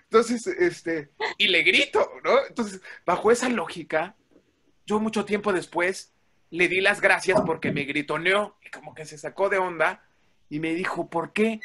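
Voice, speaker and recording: A man tells a story from his working life in a lively, animated way. He acts out both sides of the conversations and swears easily along the way. His voice sits high for a man and sounds bright. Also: measured pace. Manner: animated, acts out quoted dialogue, swears casually. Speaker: guest telling a work story. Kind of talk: casual storytelling.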